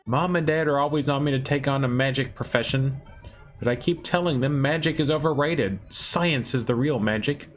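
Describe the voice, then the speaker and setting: A man reading aloud as a confident young girl inventor in a video game, pitching his voice up. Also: normal speed, faint music behind, close to an everyday voice. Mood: upbeat. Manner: reads dialogue aloud with a raised, brighter pitch.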